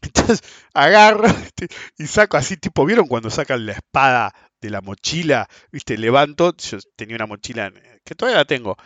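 A middle-aged man with a Rioplatense Spanish accent talks fairly quickly in a mid-range, fairly bright, very animated voice. The recording is dull, dry and close, with no echo. A bond trader, he shares his experience in casual, colloquial terms and acts out quoted dialogue.

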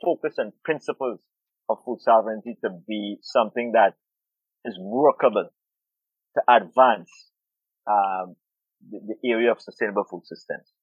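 His voice sits on the low side, slightly rough, at a moderate pace with frequent pauses. He's a middle-aged Guyanese urban farmer and food activist, a thoughtful interview guest on farming who often repeats words in search of them. The tinny, phone-like recording has no echo.

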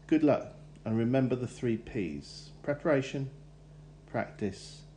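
A man reading a measured, instructive careers advice segment for a podcast. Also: medium pitch, lively intonation, very noisy. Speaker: careers adviser.

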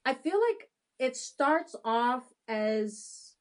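Very slow and expressive, the high-voiced guest opens up in a relaxed interview conversation. She's a Haitian-born adoption consultant in her thirties who often starts her sentences over.

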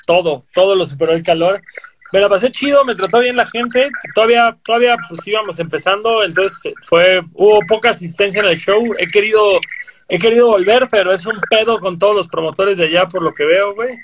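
A man's voice: sits high, brisk, a bit bright, slight background noise. A man from Mexico hosting a podcast, laid-back and slangy, dropping "güey" all the time. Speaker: podcast host. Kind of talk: casual podcast chat.

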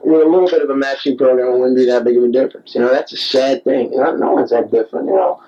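A man's voice: mid-range voice, fairly even intonation, quick pace, warm tone, dull audio. A young man rambling wryly into a dictaphone late at night, recorded on a handheld tape recorder. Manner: rambling, digressive, wry. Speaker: audio diarist.

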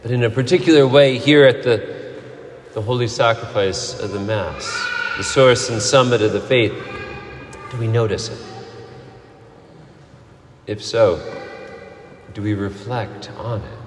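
A man preaching a sermon as a priest, earnest and emphatic, often dropping to a soft, quiet voice. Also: mid-range voice, unhurried, long pauses, reverberant, in a large hall, a little hiss or hum. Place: church.

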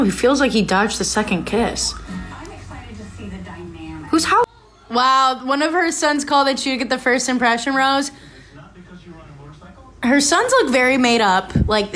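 A woman's voice: a little high, fairly bright tone. A young woman hosting a podcast, chatting casually and reacting live as she watches a show. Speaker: podcast host. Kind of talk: casual recap chat.

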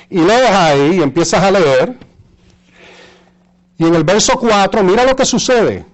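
A man with a Puerto Rican Spanish accent preaching and reading scripture, repeating phrases for emphasis and pausing to search for words. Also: high voice. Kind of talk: sermon with Bible readings and asides to listeners.

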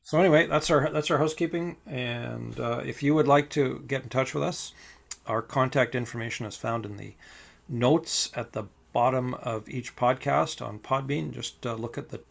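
A man with a gravelly, creaky edge to his voice, talking casually as a podcast co-host. He reads listener mail aloud and chats in an amused, easygoing way. His phrases often restart midway. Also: medium pitch, moderate pace. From Canada.

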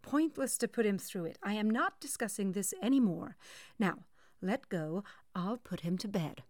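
A woman's voice: mid-range voice, animated, normal speed, darkish tone, no echo, studio quality, lightly acted. Woman reader voicing a cold, clipped, stubborn mother.

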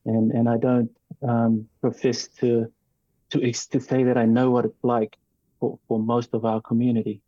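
Guy being interviewed, thoughtful and slow, lots of ums, kinda muffled dry sound. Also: medium pitch, little pitch movement, warm tone, no room sound. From New Zealand born, raised partly in Tonga. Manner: measured, reflective, with many ums and restarts. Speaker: guest. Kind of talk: casual interview talk.

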